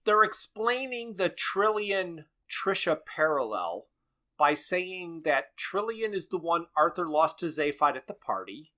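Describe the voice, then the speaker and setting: Very animated and a bit slow, this man's slightly high voice has a sharp tone. On a casual podcast he co-hosts, he recaps a radio series at length, picks it apart, and chuckles frequently.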